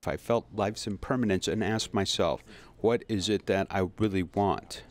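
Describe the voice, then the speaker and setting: A man giving an interview in English dub, speaking calmly and plainly. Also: lowish voice, normal speed. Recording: voice-over with music underneath.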